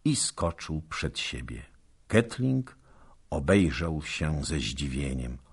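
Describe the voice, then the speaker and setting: Male audiobook narrator; deep, husky, slow and lively in pitch. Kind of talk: reading a historical novel aloud.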